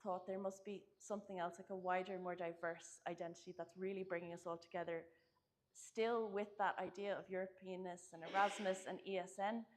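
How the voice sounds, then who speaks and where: A woman's voice: fairly low pitch, little pitch movement, brisk. A young woman from Ireland, giving a presentation about her research in an earnest, casual way, often saying "kind of" and "like". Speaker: conference speaker. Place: conference hall.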